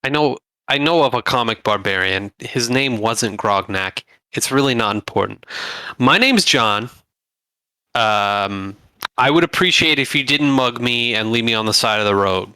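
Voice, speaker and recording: A man with a mid-pitched, bright voice plays his tabletop character in a blunt, offhand way. The sound is dry and close. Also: expressive, normal speed, smooth, dry recording. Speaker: player. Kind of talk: casual in-character play.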